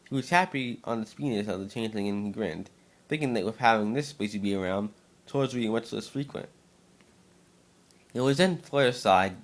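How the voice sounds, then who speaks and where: A fairly low-voiced man reads aloud a fan story written like a storybook. He isn't a polished narrator; he trips up at times and repeats words.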